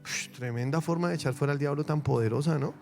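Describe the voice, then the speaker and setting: Male pastor, high voice, animated church sermon, faint music behind. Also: fast talker, creaky. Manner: animated, swings between loud emphasis and soft asides. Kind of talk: lively sermon with acted-out quotes.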